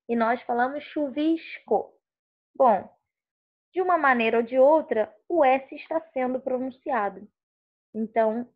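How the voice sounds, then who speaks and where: Slow, patient woman teacher, carioca accent. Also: on the high side, muffled recording. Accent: Rio de Janeiro Portuguese. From Rio de Janeiro state, Brazil. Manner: patient, repeats words slowly to stress sounds. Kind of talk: recorded online class.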